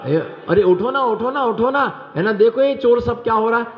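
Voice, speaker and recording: Man doing a high, pleading nagging wife, insistent; echoey hall. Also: moderate pace. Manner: insistent, repeating urgent pleas. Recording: echoey hall, dull sound.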